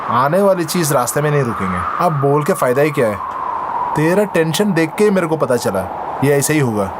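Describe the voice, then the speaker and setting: A man's voice: a little high, very animated, a little fast, very noisy. An actor dubbing an idle young man who talks in casual street slang and begs for money. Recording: film soundtrack with music.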